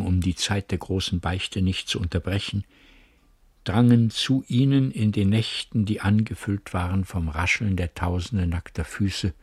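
A man narrates a literary radio drama in a measured, grave storytelling manner. His voice is low and husky. The recording is dry and close, with no room around it. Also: a little mellow, no echo.

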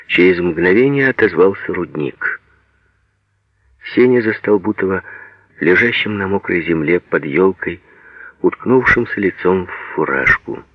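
Man reading a novel aloud, lowish voice, steady even reading, dry dull lo-fi sound. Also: a little slow, no room sound. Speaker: audiobook narrator. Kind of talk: literary audiobook narration.

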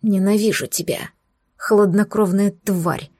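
A woman reading an audiobook voices a savage, breathless male werewolf who speaks in a low growl and a hiss. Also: steady tone, unhurried, dark tone, no echo, studio quality, close to an everyday voice. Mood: furious. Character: savage male werewolf lover, furious and hungry. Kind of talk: audiobook character voice.

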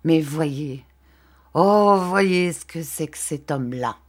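A woman's voice: low-pitched, expressive, slow pace, darkish tone, full character voice. A woman voicing a broken, despairing older man who pours out his remorse in a storybook reading. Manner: anguished, pleading.

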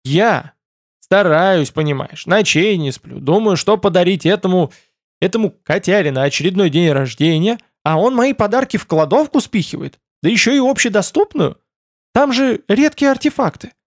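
A man's voice: a little high, animated, a little fast, no room sound, clean studio sound. A male reader voicing a hot-tempered noble lord who swings between indignant outbursts and grumbling.

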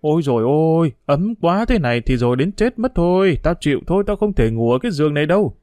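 A man doing a brash, excitable street boy. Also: fast, no echo, studio quality. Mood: excited. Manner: exclaiming, brash, high-pitched.

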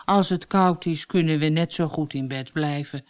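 A woman's voice: deep voice, moderate pace, a little mellow, voice pushed down, natural voice. A woman voicing a lazy young man, the eldest son, who whines and grumbles in a storybook reading. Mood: whiny.

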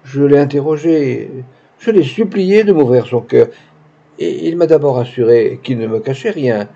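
A man's voice: mid-range voice, animated, normal speed, gravelly, mellow. A man reading the lines of a naive, grieving young woman in a tearful, faltering manner, in a dull lo-fi recording. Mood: anxious.

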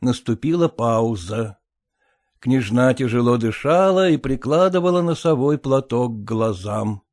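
Expressive male audiobook narrator. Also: mid-range voice, unhurried. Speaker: audiobook reader.

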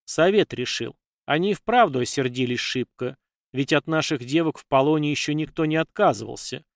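A man's voice: fairly high pitch, fairly quick, creaky, no echo, clean studio sound. A man reading an audiobook, voicing a stern female war leader who speaks plainly in folksy old speech. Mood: grave. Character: fierce woman warrior voevoda, weary, blunt.

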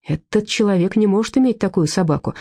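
A woman voicing a calm, firm man who speaks steadily and with confidence. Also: mid-range voice, quick pace, natural voice.

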